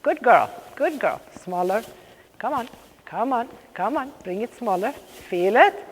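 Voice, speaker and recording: A woman coaching riding live, calling out brisk, projected commands in short repeated phrases, with brief praise between them. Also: a little high, animated. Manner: directive, interspersed with brief praise. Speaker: riding clinician coaching horse and rider. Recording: echoey riding hall with background noise.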